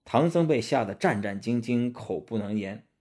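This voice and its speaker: A man narrating a storybook in an expressive, rising-and-falling storytelling manner. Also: mid-range voice, normal speed.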